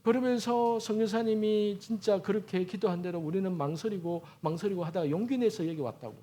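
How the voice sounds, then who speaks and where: Korean pastor telling a testimony. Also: male voice, brisk. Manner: storytelling, quoting prayers and God's words in a hushed lower voice. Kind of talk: sermon.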